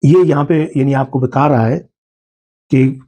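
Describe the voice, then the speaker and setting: A man's voice: mid-range voice, fairly even intonation, mellow. A man teaching a grammar lesson who keeps asking questions and answering them himself, with English terms mixed into his explanations. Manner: patient, asks and answers his own questions.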